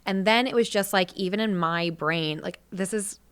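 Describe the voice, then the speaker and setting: A woman in her late twenties, a podcast guest, telling stories in a lively, laughing way and acting out quotes. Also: mid-range voice, moderate pace, clean tone. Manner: animated storyteller, laughs often, acts out quotes. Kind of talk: casual chat.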